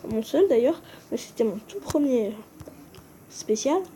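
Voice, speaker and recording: A woman's voice: a little high, lively intonation, a little slow, dark tone, slight background noise. A woman giving casual commentary on a game video, hesitant and often stumbling over and correcting names. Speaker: gaming video creator. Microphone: phone screen recording.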